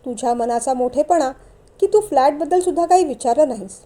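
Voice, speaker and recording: A gentle, emotional young woman speaks softly and with composure, as a woman narrator reads her lines. Her voice is high and mellow, with a dark tone. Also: fairly quick, natural voice. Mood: calm.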